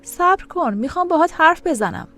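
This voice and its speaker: A woman's voice: high voice, big pitch swings, soft background music, voice pushed up. A woman reading an earnest young man. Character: young man, gentle former fiancé. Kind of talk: audio drama reading.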